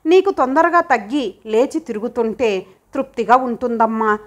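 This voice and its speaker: A woman reading a gentle, caring elder son. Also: on the high side, moderate pace, natural voice. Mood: tender. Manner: affectionate, coaxing. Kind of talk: audiobook character voice.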